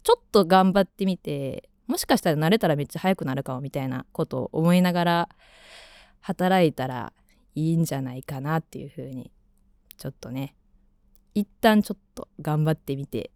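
Her deep, darkish voice moves at a moderate pace in a studio-quality recording without room sound. She's a radio host in her twenties with a Kansai Japanese accent, talking casually and rambling with frequent fillers.

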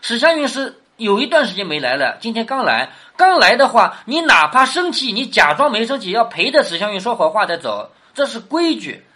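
A woman's voice: fairly high pitch, very animated, brisk, few pauses, bright, forceful tone, breathy edge. A woman teaching a classic novel, reading passages aloud and then explaining them, often asking her listener questions. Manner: asks the listener questions, reads quoted lines with more lift.

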